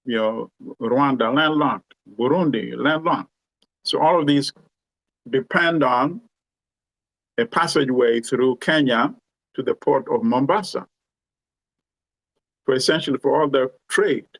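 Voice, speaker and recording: A man talks as an interview guest, laying out his reasoning in a measured, explanatory way. His voice has a gravelly edge and a middling pitch, and it sounds dry and close with little room. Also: fairly bright tone, no room sound, rough recording. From Uganda. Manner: measured, explanatory, tags points with "you know" and "right?". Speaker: guest commentator. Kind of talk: conversational discussion.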